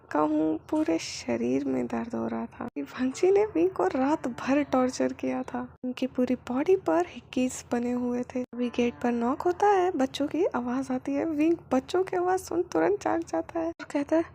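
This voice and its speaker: High-voiced woman with gravelly fry. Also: normal speed, few pauses, dark tone, a little hiss or hum. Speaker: storyteller. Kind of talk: reading a fan story aloud.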